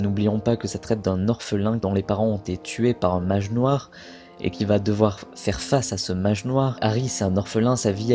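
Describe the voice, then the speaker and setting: Chatty young man, low voice, soft music. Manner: chatty, self-correcting. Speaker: video creator. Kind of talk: casual talk to camera.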